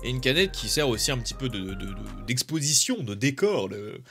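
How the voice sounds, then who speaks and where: A young man chatting casually in an unboxing video, excitable and jokey, bursting into loud exclamations and slang. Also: medium pitch, fairly quick, faint music behind. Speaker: YouTuber.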